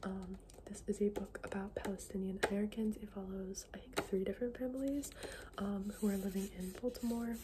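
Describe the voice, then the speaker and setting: An ASMR book video creator speaks in a soft, fully unvoiced whisper at a medium pitch with a steady tone. Her casual book chat is informal and halting, often trailing off. Clear background noise and small clicks can be heard.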